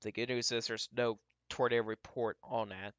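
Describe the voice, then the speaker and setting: A man giving casual, off-the-cuff live weather radar commentary as a livestream storm tracker, halting and repeating himself as he talks through what he scans. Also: medium pitch, little pitch movement, no echo, highs cut off. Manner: talks to himself while scanning, halting and repetitive.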